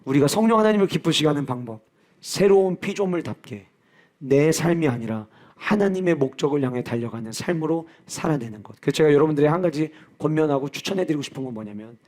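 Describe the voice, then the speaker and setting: A man's voice: fairly high pitch, animated, quick pace, a little mellow. A male pastor preaching in a church, earnest and personal. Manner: earnest, personal, with acted-out quotes. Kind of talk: sermon. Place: church sanctuary.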